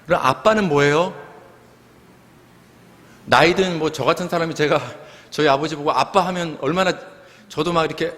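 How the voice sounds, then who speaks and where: A man's voice: on the high side, a bit bright. A middle-aged man preaching a sermon as pastor of a church, leading the congregation to call out together. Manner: earnest preaching, leads the congregation in calling out together. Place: church sanctuary. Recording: long church hall reverb.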